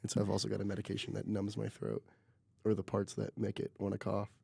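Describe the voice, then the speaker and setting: A man's voice: lowish voice, monotone, quick pace, gravelly, dark tone, slightly rough, no room sound, clean studio sound. A young man from Kansas with a congested sick voice, telling jokey stories as a podcast host. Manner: wry, joking storyteller. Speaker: podcast host and zine editor. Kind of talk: casual chat.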